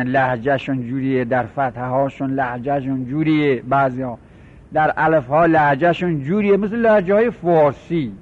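A middle-aged Iranian man teaching a class, explaining step by step, repeating key words and slowing down to recite examples. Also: fairly high pitch, narrow, tinny audio. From Iran. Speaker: seminary teacher. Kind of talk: classroom lecture on Arabic grammar.

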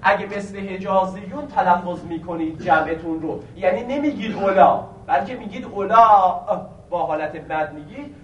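A man teaching a grammar lesson, quizzing the students with questions and slowly stretching out key words. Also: high voice, far from the mic, muffled recording, slight background noise. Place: classroom. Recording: echoey room recorded from afar.

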